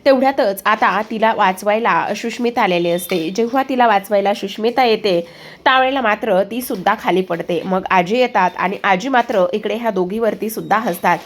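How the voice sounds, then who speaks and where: A woman's voice: mid-range voice, normal speed. A woman narrating a television serial recap, with hesitant fillers and repeated linking phrases.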